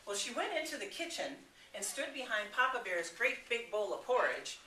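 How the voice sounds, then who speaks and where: A woman reading a story aloud to young listeners, telling it in an expressive, animated way. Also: mid-range voice, moderate pace, slight background noise. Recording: echoey room, from a distance.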